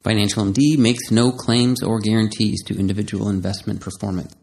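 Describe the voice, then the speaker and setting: A man with a low, gravelly voice reads a scripted disclaimer at an even, steady pace. The delivery stays flat and formal throughout. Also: fairly quick. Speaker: disclaimer announcer. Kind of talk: scripted legal disclaimer read.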